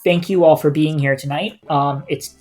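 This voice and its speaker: A man's voice: a little high, steady tone, moderate pace, darkish tone. A man giving casual live gameplay commentary as a streamer, indoors over game audio. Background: game music.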